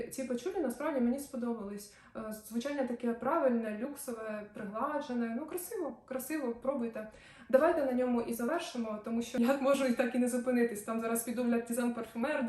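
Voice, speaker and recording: A woman's voice: on the high side, fairly even intonation, quick pace, a little mellow. A woman vlogging about perfumes, talking to camera in a chatty, enthusiastic way with trailing asides. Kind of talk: casual review chat to camera. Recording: echoey room, distant mic.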